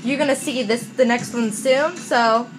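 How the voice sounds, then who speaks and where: A woman's voice: fairly high pitch, fairly even intonation, moderate pace, rough recording. A woman chatting playfully while playing a video game, teasing and chatty. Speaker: game player. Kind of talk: casual let's-play chat. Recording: game music playing loudly behind.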